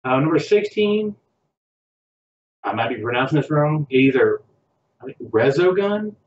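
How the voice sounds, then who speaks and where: A man's voice: fairly high pitch, big pitch swings, unhurried, darkish tone, echoey room, dull audio. A man co-hosting a casual podcast chat, rambling and hesitant as he goes down a list. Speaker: podcast co-host.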